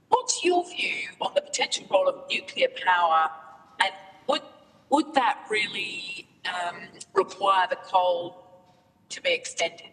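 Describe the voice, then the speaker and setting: A senator joining a hearing over a low-quality remote audio stream from inside a car, asking questions politely and hesitantly with many pauses. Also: pushed and bright, in a large hall.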